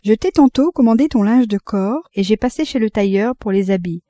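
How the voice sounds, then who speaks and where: A woman voicing a hesitant, soft-spoken middle-aged mother, in an audiobook reading. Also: mid-range voice, lively intonation, normal speed, no echo, close to an everyday voice. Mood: timid.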